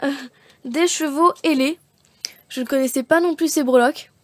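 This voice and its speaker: A woman with a high voice and normal pace chats her way through an unboxing of craft and nail supplies. As a beauty vlogger, she rambles, self-corrects, and uses many fillers, and the recording has no echo.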